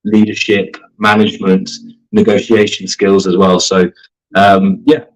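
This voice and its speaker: A man in his thirties giving a guest interview, laying out his points in a clear, organized order. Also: sits low, level tone, unhurried, poor audio. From grew up in Germany, the UK and Canada. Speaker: sports marketing team leader, guest. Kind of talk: conversational interview answers.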